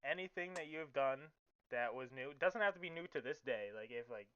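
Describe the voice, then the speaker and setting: A man's voice: mid-range voice, expressive, brisk, pushed and bright, smooth, highs cut off. A young man hosting a casual podcast, laid-back and hesitant, with plenty of fillers. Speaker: podcast host.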